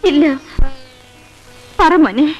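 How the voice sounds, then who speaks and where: An actress playing a mother softly coaxing her little son in old film dialogue. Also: high-pitched, animated, drawn-out words, faint music behind, exaggerated voice. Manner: soft, coaxing. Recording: dull lo-fi film soundtrack.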